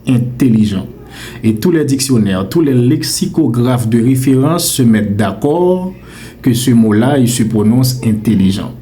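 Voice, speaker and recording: A man with a Haitian accent, teaching French pronunciation on his channel, repeating words slowly and playfully scolding mistakes. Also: mid-range voice, animated, mellow, slight background noise. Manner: emphatic, repeats words slowly to correct them; playfully scolding, calls mispronunciations mean. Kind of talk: direct-to-camera language lesson.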